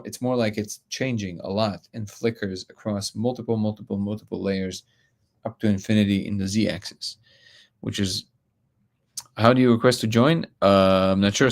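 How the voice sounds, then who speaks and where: Man, gravelly, lowish voice, live stream host, casual comment chat, blunt. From Russia. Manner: blunt, restarts often, reads viewer comments aloud.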